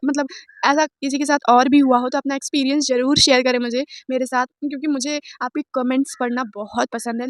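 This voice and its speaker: A woman's voice: high-pitched, no room sound. A young woman telling a storytime vlog in a casual, chatty way, laughing often and mixing in English words. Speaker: vlogger.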